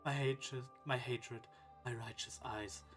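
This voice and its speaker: A man voicing a calm, solemn young man who has blinded himself, reading game dialogue aloud in a quiet, measured way. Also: medium pitch, over music, lightly acted. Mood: somber. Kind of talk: let's play dialogue reading.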